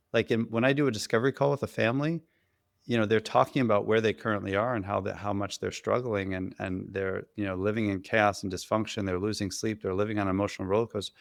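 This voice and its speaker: A man hosting a parenting podcast, an energetic, talkative therapist who is quick to praise his guest. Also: on the low side, no room sound, clean studio sound. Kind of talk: casual podcast conversation.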